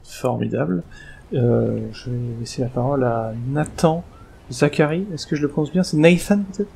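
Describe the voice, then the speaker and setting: A man's voice: on the high side, moderate pace, gravelly, warm tone, slight background noise. A man narrating a tabletop game as game master, setting the scene and calling on players.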